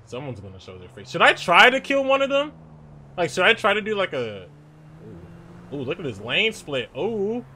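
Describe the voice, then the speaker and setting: A young man giving nervous, excitable commentary while playing a game, yelling when chased. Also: sits high, normal speed, slight background noise. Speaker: gaming YouTuber.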